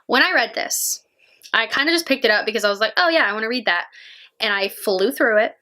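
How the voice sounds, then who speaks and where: Young woman, book vlogger, gushing casual chat, bright voice, slightly high. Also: expressive, brisk. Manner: gushing and chatty, heavy use of "like". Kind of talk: casual book review vlog.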